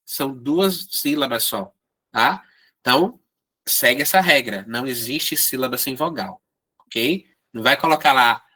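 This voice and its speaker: A man's voice: fairly high pitch, sharp tone. A man teaching an online writing workshop, explaining step by step and often checking in with his students. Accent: Brazilian Portuguese.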